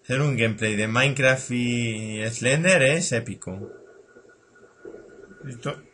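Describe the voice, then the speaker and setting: Jumpy young gamer, bright voice. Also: male voice, mid-range voice, takes it slowly, slight background noise. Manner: jokey, jumpy, sings and shrieks in bursts. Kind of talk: horror game commentary.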